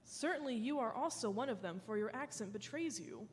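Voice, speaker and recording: A woman's voice: a little high, expressive, brisk, lightly acted. A woman playing an accusing bystander in church reader's theater. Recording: reverberant hall, faint ambient noise.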